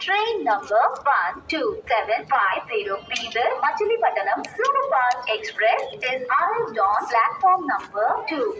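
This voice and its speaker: Woman announcer over station loudspeaker. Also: sits high. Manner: slow, measured, evenly spaced announcing. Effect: over a public address loudspeaker. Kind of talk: scripted railway announcement. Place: large railway station platform. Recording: echoey loudspeaker from far off, station noise. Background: station ambience noise.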